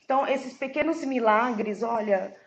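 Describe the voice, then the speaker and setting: A woman's voice: fairly high pitch, unhurried, a little hiss or hum. Earnest woman, emphatic. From Brazil. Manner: earnest, emphatic, faith-filled. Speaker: podcast guest. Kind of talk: casual interview chat.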